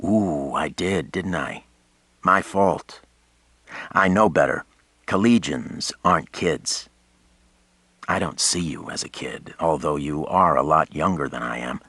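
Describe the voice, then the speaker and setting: A man's voice: extremely low pitch, slow pace, fairly bright tone, breathy edge, no echo, exaggerated voice. A man voicing a charming, easygoing journalist of about thirty in an audiobook, wry and teasing. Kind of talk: audiobook character voice.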